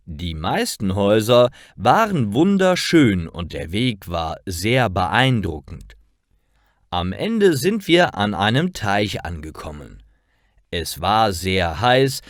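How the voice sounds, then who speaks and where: A man narrates short stories for language learners with slow, carefully paced sentences. His low voice rises and falls with plenty of expression. The recording is dry and close, with no room sound. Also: no room sound. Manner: slow, clear, expressive reading.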